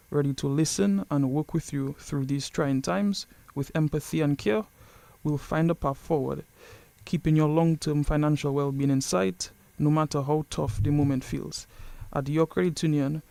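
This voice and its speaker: A man speaking as a credit union representative, delivering a prepared informational talk in a formal, measured, point-by-point way. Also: on the high side, steady tone, gravelly, mellow, no echo.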